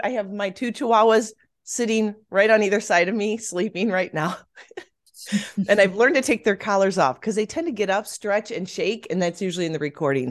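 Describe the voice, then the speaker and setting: A woman hosting a podcast, chatting eagerly and casually with a guest, with many fillers. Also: mid-range voice. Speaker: podcast host. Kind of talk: casual interview chat.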